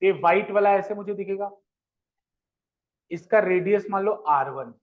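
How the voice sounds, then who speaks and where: High-voiced man teaching physics to a class. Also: normal speed. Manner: asks questions and repeats them, coaxing pupils; addresses students fondly as children. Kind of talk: classroom lecture. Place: classroom with students. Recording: dull lo-fi sound.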